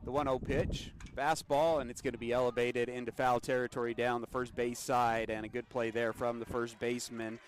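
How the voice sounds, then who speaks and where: A man doing steady play-by-play of a high school baseball game for local radio, laughing easily with his partner between pitches. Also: a little fast, few pauses, a little hiss or hum. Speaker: play-by-play announcer.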